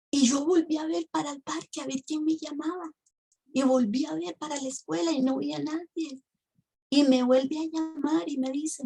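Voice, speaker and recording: A husky-voiced woman in her 50s from Costa Rica gives a religious testimony as a speaker at a women's ministry. Her fairly high, warm voice carries emotional storytelling, and she calls the audience her sisters.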